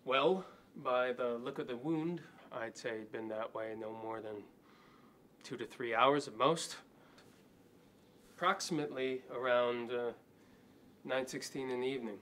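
A man's voice: medium pitch, a little slow, long pauses, fairly bright tone, a little hiss or hum, natural voice. A man in his thirties playing a fussy, hesitant crime-scene doctor in a noir detective film, precise and hedging. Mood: clinical.

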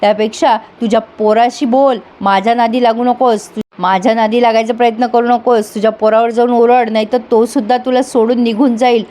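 A woman's voice: fairly high pitch, steady tone, brisk, hardly any pauses, mellow, natural voice. A woman voicing an angry scheming man, speaking in a harsh, scolding, threatening way.

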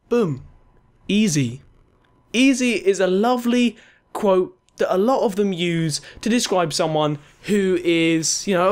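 A young male gaming vlogger with a noticeably high voice talks his way through a countdown, sarcastic and crude, swearing often. His words come out a little slurred from a dental retainer. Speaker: gaming YouTuber. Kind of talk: casual countdown commentary.

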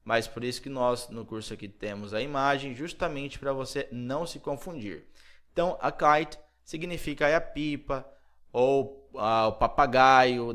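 Brazilian male English teacher, unhurried, drilling vocabulary by repetition. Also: medium pitch, fairly bright tone. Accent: Brazilian Portuguese, Mato Grosso. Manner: slow, repeats words over and over for drilling. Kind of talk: video English lesson for Portuguese speakers.

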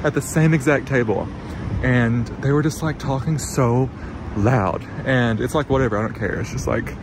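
Excitable young man vlogging on his phone. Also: mid-range voice, moderate pace, noisy background. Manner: excitable, swears freely, lots of "like". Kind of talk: casual vlog talk to camera. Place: inside a car, then a hotel room, then an outdoor street. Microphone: phone camera held at arm's length.

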